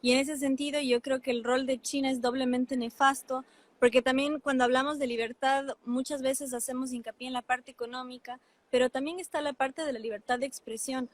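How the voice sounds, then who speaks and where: Female journalist with a fairly high voice, animated and talkative, full of asides. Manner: fast-flowing, animated storytelling with asides. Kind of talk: conversational debate.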